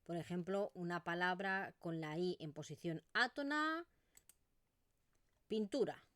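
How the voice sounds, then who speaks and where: A woman's voice: fairly low pitch, measured pace, a bit bright, no room sound, studio quality. A woman with an Eastern Catalan accent teaching pronunciation in an online video lesson, modelling vowel sounds as she explains.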